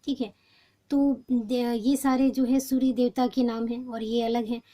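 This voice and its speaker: High-voiced woman teaching a lesson. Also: flat delivery, measured pace, warm tone. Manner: patient, with many fillers and restarts. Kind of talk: explaining a textbook lesson.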